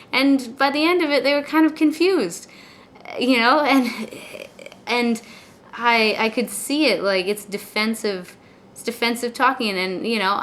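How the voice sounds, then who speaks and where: In a casual, confessional vlog, a woman with a mid-range voice rambles to the camera, often repeating words and phrases before completing a thought. Her R's are soft and lean toward W, and background noise comes through clearly.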